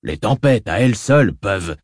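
A man voicing a cold, scheming, menacing baron in an audiobook reading, curt and measured. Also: fairly low pitch, expressive, no room sound, clean studio sound.

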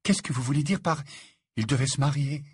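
A man voicing a proud, fierce young woman who speaks in a sharp, imperious way. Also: on the low side, fairly quick, slightly rough, no echo, clean studio sound.

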